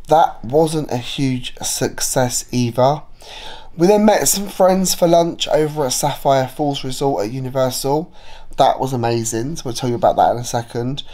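A man with a slightly hoarse voice from a cold, narrating a travel vlog in a chatty, rambling way with frequent fillers. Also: medium pitch, normal speed, mellow. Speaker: travel vlogger.

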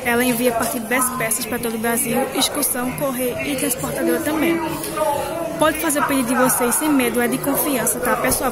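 A woman chatting through a shopping vlog at a market stall, recorded on a handheld phone and constantly checking in with viewers. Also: a little high. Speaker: vlogger showing wholesale suppliers. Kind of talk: casual shopping vlog walkthrough. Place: indoor clothing market stall. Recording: loud market crowd and music.

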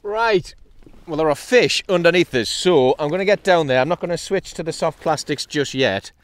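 A man's voice: fairly high pitch, moderate pace. Chatty man fishing from a kayak. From North East England. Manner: chatty and upbeat, with excited bursts when a fish is hooked. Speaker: kayak angler. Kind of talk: casual fishing vlog commentary. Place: on a kayak out at sea, outdoors. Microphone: action camera mounted on the kayak.

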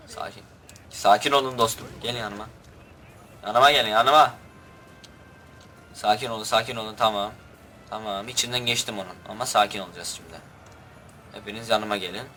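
Excitable young dude doing game commentary, bright voice, bit of hiss behind. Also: male voice, lowish voice. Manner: excitable, crude, shouts orders at his troops. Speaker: gaming youtuber. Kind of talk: gameplay commentary.

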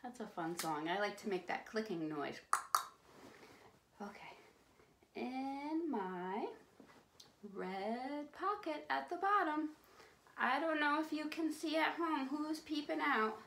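A woman librarian leading a children's rhyme time, speaking slowly and playfully in a sing-song voice. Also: high-pitched, animated, a bit bright, a little hiss or hum. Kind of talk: children's storytime with rhymes and songs. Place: library room. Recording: roomy echo.

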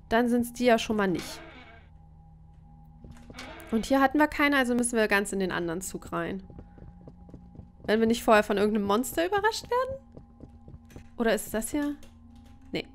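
German woman thinking aloud while gaming. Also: on the high side. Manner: thinks aloud, searches for words. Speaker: let's player. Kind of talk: casual gameplay commentary.

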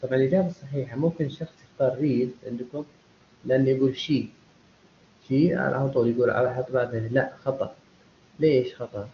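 A man's voice: medium pitch, fairly even intonation, fast, a little hiss or hum. A man teaching a university English class in a live online lecture. He explains step by step, checks often whether the students follow, and mixes Arabic explanation with English examples. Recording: dull lo-fi online lecture audio.

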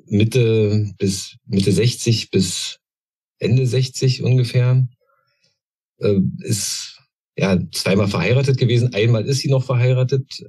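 A man, an author, reading aloud from his own novel in a measured, deliberate way, then talking about his characters. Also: on the low side, darkish tone, husky.

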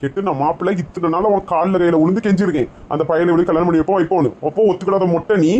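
A woman playing a quick-tempered middle-aged husband in a comedy skit, speaking fast and gruffly with a Kanyakumari Tamil accent. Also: lowish voice, mellow, muffled recording, slight background noise, natural voice. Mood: bickering. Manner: gruff, bickering, rapid.

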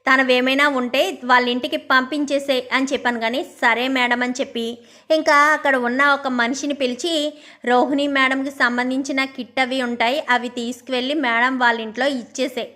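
A woman's voice: high voice, fairly even intonation, fairly quick, bright, forceful tone. A woman casually retelling a serial episode, narrating and quoting each character in her own voice. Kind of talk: casual spoken story recap.

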